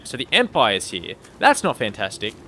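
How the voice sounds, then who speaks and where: A young man casually commenting on his own game playthrough, chatty and quick to laugh. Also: on the low side, huge pitch swings, a bit bright, a little hiss or hum. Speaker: gaming channel host. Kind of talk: casual let's-play commentary. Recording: game music underneath.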